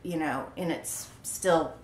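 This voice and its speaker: A woman in her forties speaks in a low voice, slowly and haltingly, filling pauses with ums. The sound is roomy, with a faint hum in the background. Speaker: vlogger. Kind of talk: personal story told on camera.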